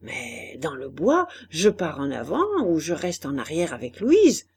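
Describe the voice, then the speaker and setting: A woman's voice: low voice, wildly swooping pitch, measured pace, creaky, breathy edge, voice pushed down, full character voice. A woman voicing a playful, scheming young nobleman in a storybook reading, with a mocking, confiding tone.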